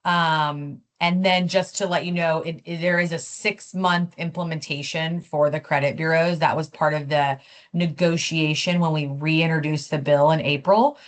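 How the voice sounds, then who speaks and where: A woman's voice: low voice, steady tone, normal speed. A woman on a video call giving a policy update in a webinar, conversational and full of fillers and restarts. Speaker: policy speaker.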